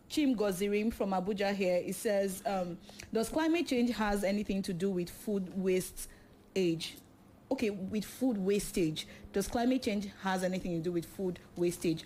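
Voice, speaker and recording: A woman's voice: medium pitch, a little mellow, a little hiss or hum. Chatty woman host, laughing often. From Nigeria. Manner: laughs often, many fillers. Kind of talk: radio talk show.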